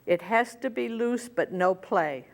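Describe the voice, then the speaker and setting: A woman's voice: medium pitch, expressive, unhurried. Older woman demonstrating quilting steps. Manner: friendly step-by-step explaining, talking while working. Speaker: quilting show host. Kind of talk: hands-on sewing demonstration.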